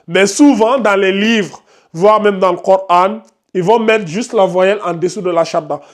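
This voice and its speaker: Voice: medium pitch, normal speed. Teacher running a recitation class: patient, corrective, calls on each student by name.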